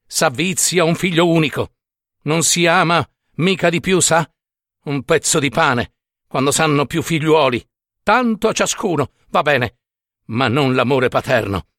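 A man's voice: on the high side, a little slow, fairly bright tone, no room sound, studio quality. A man voicing a blunt, rude traveler, a father of two, who talks brusquely.

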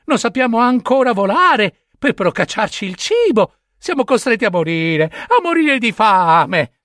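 A man voicing starving baby ravens in a storybook reading, shrill and wailing. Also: sing-song, unhurried, fairly bright tone, dry recording, clean studio sound, exaggerated voice. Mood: desperate.

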